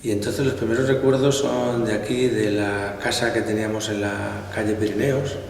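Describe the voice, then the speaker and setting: A man's voice: lowish voice, steady tone, moderate pace, slight background noise. A middle-aged man from Spain, an army colonel answering interview questions in a hesitant, reminiscing way with frequent restarts. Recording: echoey hall, distant from the mic.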